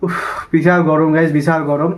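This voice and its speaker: A man's voice: a little high, flat delivery, fairly quick. A young man from Bengal chatting casually to his viewers in a daily vlog. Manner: chatty, addresses viewers directly. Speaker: vlogger.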